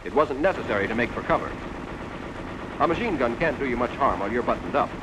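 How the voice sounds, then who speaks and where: Over a noisy vintage soundtrack, a mid-range, animated American narrator talks fast in a 1940s army training film. Scripted and instructive, he addresses the listener directly, calling the trainee "you."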